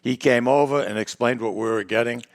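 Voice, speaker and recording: A man co-hosting a casual podcast chat, quick with quips and teasing. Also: mid-range voice. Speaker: podcast co-host.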